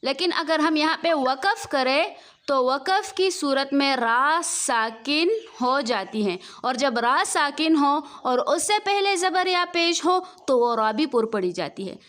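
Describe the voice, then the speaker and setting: A woman teaching Quran recitation rules in Urdu with a Pakistani accent, patiently drawing out practice words slowly and asking the listener questions. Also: high-pitched, expressive, a bit bright. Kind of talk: tajweed lesson with slow drawn-out practice words.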